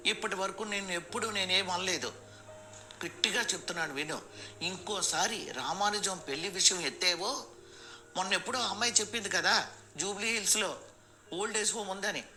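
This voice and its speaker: A man playing a gruff, shouting father. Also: high voice, normal speed, pauses often, faint music behind, voice pushed up. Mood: furious. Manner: loud, shouting and worried. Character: middle-aged father, gruff and short-tempered.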